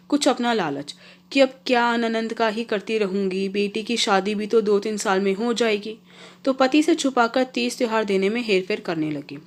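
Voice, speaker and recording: A woman narrating a scripted first-person family story as the host of a storytelling channel. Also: a little high.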